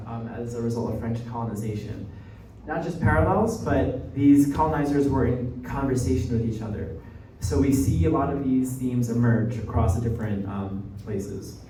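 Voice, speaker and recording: Here a young New Jersey man, a graduate student invited as a guest lecturer, delivers an informal academic talk in a mellow, mid-range voice. He's chatty, often checks in with listeners and tags his points with "right?". Sound comes from a distant mic in an echoey room, muffled and faintly noisy.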